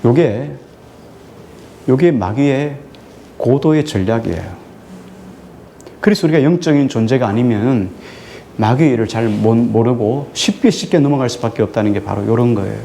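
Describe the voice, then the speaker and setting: A male pastor preaching a sermon to his congregation, putting questions to them and answering them himself, and drawing out key words slowly for emphasis. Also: medium pitch, gravelly, warm tone, a little hiss or hum. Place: church sanctuary.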